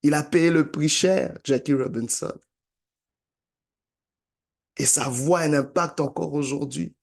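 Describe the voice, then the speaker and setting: A man's voice: fairly high pitch, steady tone, measured pace, gravelly. A man giving a motivational sermon-style talk in an emphatic, repetitive preaching cadence. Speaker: motivational speaker.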